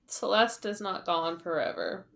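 A woman co-hosting a casual book-club podcast, throwing in wry quick asides. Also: on the low side, wildly swooping pitch, vocal fry, a bit bright.

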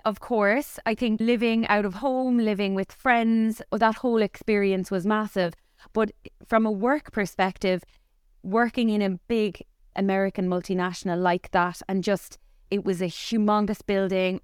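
A woman's voice: mid-range voice, clean tone, dry recording, clean studio sound. Cork lady in her 40s chatting easy on a podcast, resonant voice. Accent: Cork Irish. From Ireland. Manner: chatty, candid storytelling. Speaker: podcast guest, company founder. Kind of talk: conversational interview.

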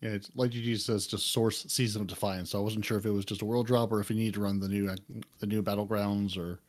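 A man with a slightly low voice talks quickly in a casual gaming chat. He delivers dry, teasing quips between questions. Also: fairly even intonation.

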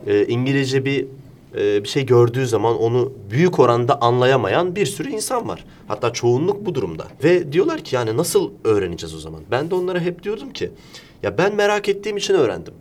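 A man's voice: medium pitch, big pitch swings, quick pace, darkish tone. A man from Turkey hosting a casual interview, explaining things through examples and rhetorical questions. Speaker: interview host.

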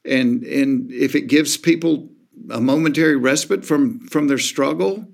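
A man's voice: on the high side, unhurried, creaky. A man in casual conversation, reflective and earnest, with a self-deprecating streak. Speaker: comedian guest. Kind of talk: casual chat.

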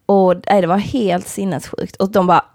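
A young woman in casual chat, telling lively stories with swearing and laughter. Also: mid-range voice, gravelly, no echo, clean studio sound. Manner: vivid storyteller, swearing, laughing.

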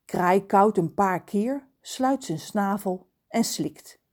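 A woman narrating a children's audio story in a clear, expressive reading voice. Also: mid-range voice, slow.

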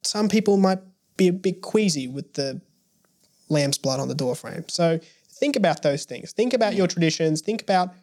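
A young adult early childhood educator chatting as a podcast guest. The voice sits at a middling pitch and often stops to restart a thought. Now and then a dry joke lightens the talk. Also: animated, normal speed, darkish tone. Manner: hesitant, with many restarts and wry jokes. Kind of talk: casual podcast conversation.

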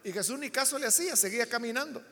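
High-pitched impassioned male preacher. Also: expressive, rapid-fire, sharp tone, big-room sound. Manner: impassioned, acts out biblical dialogue. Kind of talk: sermon.

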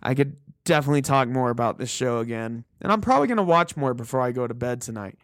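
A man co-hosting a podcast in casual chat, with a rambling, animated way of telling things and an easy laugh. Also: medium pitch, quick pace, no room sound, clean studio sound. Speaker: podcast co-host.

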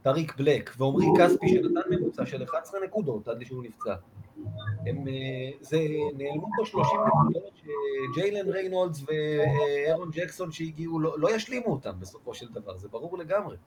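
A man's voice: a little high, expressive, very noisy. A man co-hosting a sports podcast, giving passionate, casual analysis and speaking of the team as his own. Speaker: podcast co-host, basketball fan.

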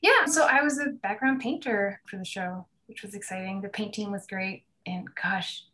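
A woman on her first podcast, a bit nervous and excitable as she talks about her painting work. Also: medium pitch, moderate pace. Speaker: podcast guest, background painter. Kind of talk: casual podcast chat.

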